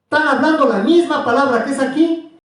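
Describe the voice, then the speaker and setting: A man preaching to a small group, pressing his point with repeated questions. His voice sits high, and it rings around a very echoey room. The mic is some distance away. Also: a little fast, fairly bright tone. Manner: questioning, repetitive, insistent. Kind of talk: religious teaching to a small group.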